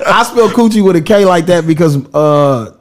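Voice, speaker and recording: A man's voice: high-pitched, animated, normal speed. A man hosting a live podcast, telling stories in a loose, profane, joking way. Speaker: podcast host. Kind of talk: casual live-streamed podcast chat.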